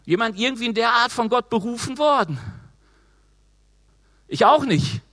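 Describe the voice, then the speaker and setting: A man preaching a casual, lively sermon, acting out excuses in quick quoted voices. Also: very high voice. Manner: moves around while preaching.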